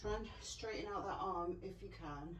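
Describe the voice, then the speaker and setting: A woman fitness instructor leading a follow-along workout with calm, encouraging cues, recorded at home. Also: on the low side, moderate pace, a little hiss or hum. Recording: echoey room, voice from a distance.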